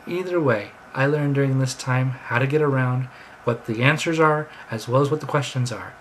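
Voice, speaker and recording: A man's voice: medium pitch, normal speed, a little hiss or hum, rough recording. An American man telling rambling, chatty stories in a casual monologue. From United States. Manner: rambling, chatty, drifting between anecdotes. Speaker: vlogger.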